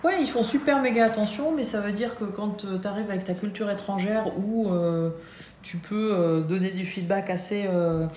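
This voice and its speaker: Her mid-range, slightly mellow voice moves at normal speed as a French woman in her thirties describes her Nike job in the US for a casual vlog, full of hesitations and restarts. The recording has room echo and a faint hum.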